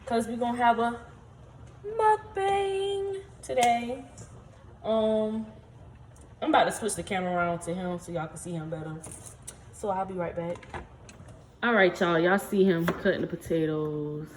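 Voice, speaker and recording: A woman's voice: lowish voice, fairly even intonation, normal speed. A woman chatting casually to viewers as a vlog host, playful, sassy and bantering. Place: home kitchen, indoors. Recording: noisy room, home camera audio.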